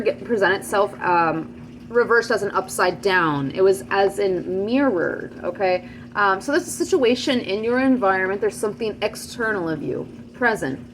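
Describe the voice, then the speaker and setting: A woman's voice: medium pitch, a little hiss or hum. A woman giving a casual channeled tarot reading to camera, chatty, with many fillers and frequent check-ins with her listeners. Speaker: tarot reader.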